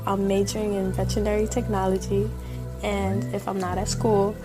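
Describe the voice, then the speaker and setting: A nineteen-year-old woman introduces herself plainly at a cast reunion. Her voice is mid-pitched, with clear music playing behind her. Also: level tone, normal speed. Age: teens. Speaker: student, cast member.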